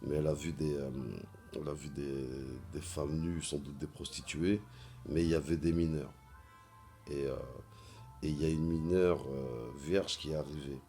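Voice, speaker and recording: A man vlogging in a casual monologue, halting often with fillers and repeating words as he searches for them. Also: rumbling low, fairly even intonation, warm tone, faint music behind.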